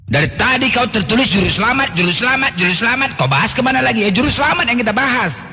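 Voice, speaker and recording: A man's voice: very high voice, lively intonation, fast talker. A man hosting a heated online debate, mocking and taunting his opponents. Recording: echoey room with background noise.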